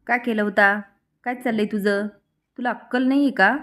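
A woman's voice: fairly high pitch, steady tone, moderate pace, a bit bright, close to an everyday voice. A woman voicing a spoiled, scheming young woman who scolds and taunts. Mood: angry taunting.

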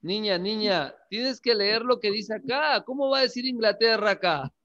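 Man, teacher, bright high voice, slow careful drilling, slightly muffled recording. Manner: repeats words slowly to drill pronunciation; coaxing, checks in with frequent questions. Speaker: English teacher. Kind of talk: classroom lesson.

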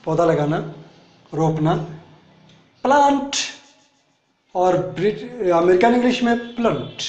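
A man teaches an English lesson in an echoey classroom, and his voice sits high. He explains the words one at a time and says each one again, slowly. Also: darkish tone.

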